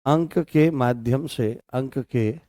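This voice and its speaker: A man's voice: mid-range voice, slow pace, warm tone, no echo, studio quality. A man teaching a Hindi grammar class, repeating phrases, correcting himself and asking questions he then answers. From Rajasthan. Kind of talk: online exam-prep class.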